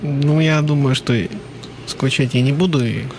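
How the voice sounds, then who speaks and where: A man presenting on a radio music programme in casual talk, halting and reflective with many pauses. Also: medium pitch. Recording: faint noise behind the voice.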